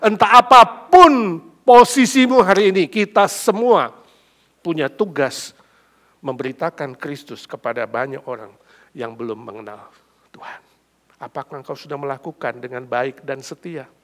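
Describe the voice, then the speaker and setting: High-voiced emphatic male preacher. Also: moderate pace. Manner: emphatic, lively storytelling, builds to loud peaks. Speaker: pastor. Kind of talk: sermon.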